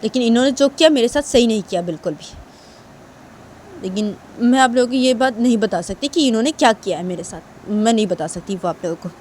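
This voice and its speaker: A woman's voice: on the high side, animated, fairly quick, darkish tone, slight background noise, natural voice. A woman voicing an angry young woman in a homemade storytelling video, insisting over and over that she was wronged. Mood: angry, accusing. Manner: insistent, repeats herself stubbornly.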